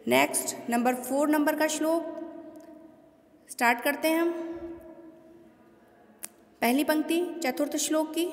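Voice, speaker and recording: A woman teaching Sanskrit verses to students. She breaks long words into parts and chants the verses slowly, mixing in English words. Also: high voice. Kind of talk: recorded classroom lesson. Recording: echoey room with long reverb.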